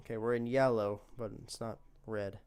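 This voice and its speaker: A young man casually commenting on his own animations, rambling and excitable. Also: on the low side, normal speed, clean tone. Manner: rambling, excitable, self-praising.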